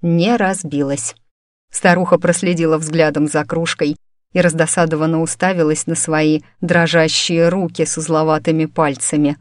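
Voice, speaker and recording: A woman narrating an audiobook in the first person, with steady, even storytelling. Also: deep voice, moderate pace, no echo, clean studio sound.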